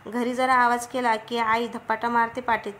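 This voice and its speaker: A woman voicing a playful, mischievous young girl who talks loudly and teases. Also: on the high side, level tone, normal speed, a little hiss or hum, lightly acted. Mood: teasing. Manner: loud, teasing.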